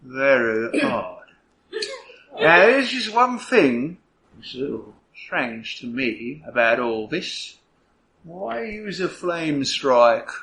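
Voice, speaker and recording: A man voicing a measured, suspicious male inspector in a tabletop game, speaking slowly and deliberately. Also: medium pitch, sing-song, bright, forceful tone, exaggerated voice. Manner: slow and deliberate.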